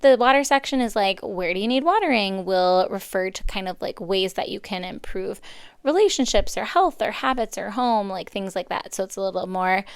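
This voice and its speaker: Woman podcast host, thirties, rambling and chatty, smooth voice with gravelly fry, dry close sound. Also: mid-range voice, normal speed, no echo. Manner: rambling, chatty, self-correcting. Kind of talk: casual solo podcast talk.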